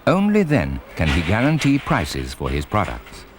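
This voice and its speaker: A man reading scripted corporate documentary narration in a measured, formal way. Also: deep voice, wildly swooping pitch, noisy background. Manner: measured, formal presenter delivery. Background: music.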